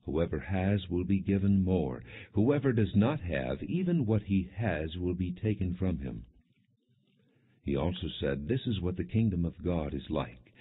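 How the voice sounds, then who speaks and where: Reading scripture as scripted, non-dramatized audiobook narration, a man speaks in a very low, husky voice that is measured and solemn yet animated. The recording is muffled and low in fidelity.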